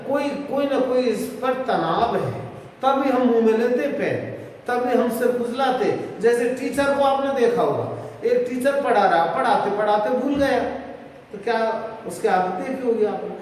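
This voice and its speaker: A man's voice: high voice, a little mellow, slight background noise. A male psychology teacher giving an exam-prep lecture, explaining step by step and checking in with rhetorical questions. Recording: echoey room, distant mic, faint background.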